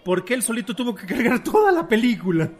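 A man's voice: extremely high pitch, very animated, fast talker, breathy edge. A man with a Mexican accent in a casual film discussion, explaining details in colloquial language. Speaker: podcast panelist.

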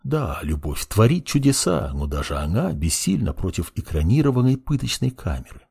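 An ancient undead lich, voiced by a male audiobook reader, speaks with quiet, clinical fascination and a soft menace. The voice sits low with a husky, breathy grain. Its pitch moves freely, rising and falling. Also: normal speed, full character voice. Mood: menacing. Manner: calm, coolly fascinated, softly menacing. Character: cold, curious undead lich mage, centuries old. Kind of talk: audiobook character reading.

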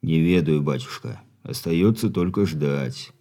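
A man's voice: very deep voice, expressive, unhurried, mellow, voice pushed down, full character voice. A man reading an audiobook, voicing an older grandfather who speaks earnestly and subdued. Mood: troubled.

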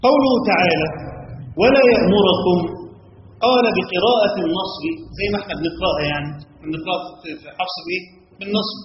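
Man, Egyptian accent, lecturing teacher, high voice, dull lo-fi recording. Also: slight background noise. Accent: Egyptian Arabic. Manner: quizzes listeners with quick questions, recites verses slowly. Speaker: Quran commentary teacher. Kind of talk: classroom lecture. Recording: echoey hall, dull lo-fi sound.

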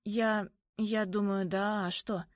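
A woman voicing a timid, easily frightened young woman in an audiobook, speaking high and hesitantly. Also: little pitch movement, slow, dry recording, studio quality, close to an everyday voice. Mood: timid, anxious. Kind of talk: audiobook reading.

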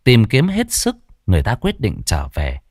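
A man narrating a ghost story in an expressive storytelling manner. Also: fairly low pitch, normal speed, dry recording, clean studio sound.

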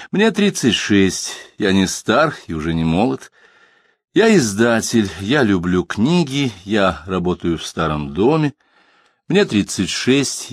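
Low-voiced guy reading a novel, dry close sound, takes his time and rises and falls a lot. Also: no echo. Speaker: audiobook narrator. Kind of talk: literary audiobook narration.

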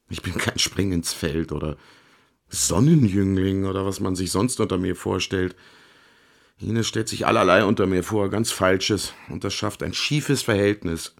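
A deep, gravelly, exaggerated voice belongs to an actor portraying a self-justifying, troubled artist and womanizer in a radio play. His confiding delivery is halting and theatrical.

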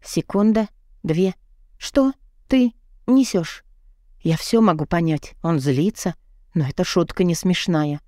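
A woman's voice: lowish voice, unhurried, mellow, no echo. Female audiobook reader, emotional first-person delivery, dry close mic. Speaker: audiobook narrator.

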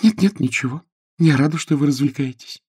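A man's voice: a little high, brisk, darkish tone, husky, no echo, studio quality, voice pushed up. A man voicing a teasing young woman. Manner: mocking, teasing. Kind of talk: audiobook character voice.

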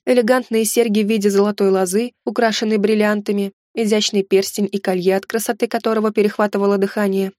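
A woman narrates a first-person fantasy novel in a steady, measured reading voice. Her pitch sits in the middle of the range. The sound is close and dry, with no room around it. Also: dry recording. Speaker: audiobook narrator.

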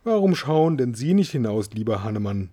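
Guy doing a sleepy fat lazy president, sighs a lot, mellow voice. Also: mid-range voice, very animated, fairly quick. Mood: drowsy. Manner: sluggish, drowsy sighing.

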